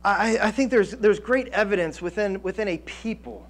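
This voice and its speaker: A man in his thirties preaching a sermon on a church stage through a headset mic, animated, with frequent restarts and fillers. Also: high-pitched, moderate pace. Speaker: pastor. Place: church stage with band gear, indoors.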